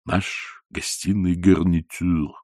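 Dying old woman in a storybook reading, voiced by the male narrator; slow, wooden, stubborn, low and quiet. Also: flat delivery, no echo, clean studio sound. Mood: cold, deliberate.

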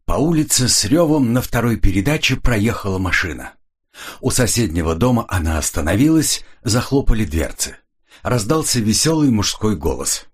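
A man narrating a hardboiled detective audiobook with steady, expressive storytelling. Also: fairly low pitch, normal speed, husky. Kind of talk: scripted narration.

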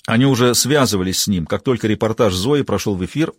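A man reading a novel aloud in steady, even scripted narration. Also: lowish voice, fast talker, dry recording, studio quality. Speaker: audiobook narrator.

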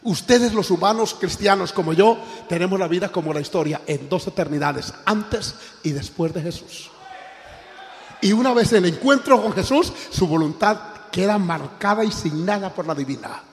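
An older man preaches a sermon with fervor, his somewhat high voice leaping from loud exclamations down to low, weighty phrases. The sound carries a long reverb, as in a large hall. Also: expressive, normal speed. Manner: impassioned preaching, swings from loud exclamations to low emphatic tones. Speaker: pastor.

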